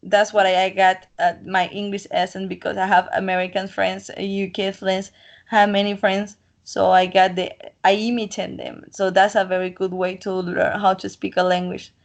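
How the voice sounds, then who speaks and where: A woman from the Colombian coast, a native Spanish speaker, is being interviewed in a casual chat in English with a Colombian accent. She comes across as talkative and self-assured, her mid-range voice moving little in pitch at a moderate pace.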